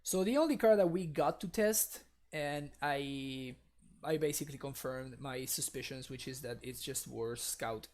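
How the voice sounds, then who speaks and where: This casual live-stream commentary comes from a young man, a native Spanish speaker with a Spanish accent, who laughs a lot while chatting with viewers over a card game. His medium-pitched voice is a little slow and a little mellow.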